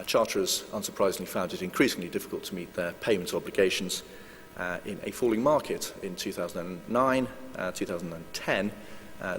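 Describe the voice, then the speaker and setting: A man giving a formal legal presentation at a conference, measured and hedging, with frequent filler sounds. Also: low voice. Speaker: lawyer giving a conference talk. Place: conference hall. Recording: long hall reverb with faint hum.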